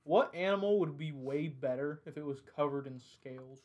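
A woman's voice: deep voice, normal speed, darkish tone, highs cut off. A woman hosting a podcast, reading out silly questions and riffing on them with profane, giggly humor. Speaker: podcast host asking questions. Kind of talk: crude casual banter.

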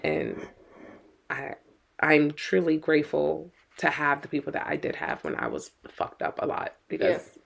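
A woman's voice: sits low, big pitch swings, unhurried, creaky, slightly rough. A middle-aged woman co-hosting a podcast as a mother, talking earnestly and with worry, often repeating her words. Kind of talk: casual podcast chat.

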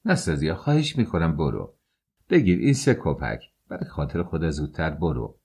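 A man reading the part of a brooding, feverish young male student, speaking low and curt in an audiobook. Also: big pitch swings, gravelly, darkish tone, breathy edge, full character voice. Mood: anxious.

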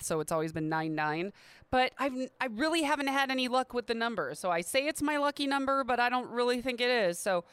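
A woman's voice: mid-range voice, a bit bright, clear, resonant tone, no room sound. Chatty upbeat woman podcast host. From Midwestern United States. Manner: chatty and upbeat, with light laughs. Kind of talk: casual solo podcast talk. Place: at home in a quiet neighborhood.

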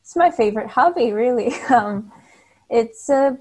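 Guesting on a relaxed interview, this cosplayer from Bulgaria, in her twenties, speaks English though Bulgarian is her native language. She chats warmly with little laughs, her fairly high voice animated, unhurried and a bit mellow.

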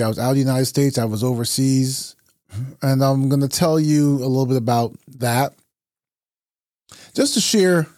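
A man from Barbados hosts his own podcast alone, talking in a relaxed, reflective way and pausing on fillers as he thinks. His voice sits at a middle pitch and is recorded dry and close, with no room sound. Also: dry recording. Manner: reflective, conversational, with frequent fillers. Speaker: podcast host. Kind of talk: casual solo podcast talk.

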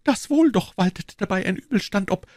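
Male narrator's young lady voice for an audiobook: high, quick, breathless when frightened, close dry mic. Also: animated, a little mellow, dry recording. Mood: earnest. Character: young Parisian woman, clever, secretive, easily alarmed. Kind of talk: audiobook reading with character voices.

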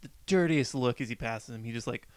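Smooth-voiced man recapping a film casually. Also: medium pitch, fairly quick, no room sound. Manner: relaxed storytelling with fillers. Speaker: podcast co-host. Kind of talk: casual chat about a film.

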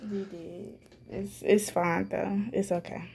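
A young woman from South Carolina, a college student guest speaking softly in casual chat. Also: mid-range voice, level tone, slow pace, gravelly. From South Carolina, USA. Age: young adult. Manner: soft-spoken, laughs easily.

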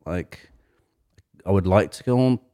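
A man's voice: low-pitched, measured pace, mellow. A man co-hosting a casual podcast about music, rambling along with lots of "like" and "kind of thing". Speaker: podcast co-host.

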